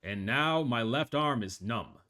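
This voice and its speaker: A man voicing a male airline captain who makes a formal, measured announcement over the cabin intercom. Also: medium pitch, expressive, pushed and bright. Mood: grave, steady. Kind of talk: improvised comedy bit.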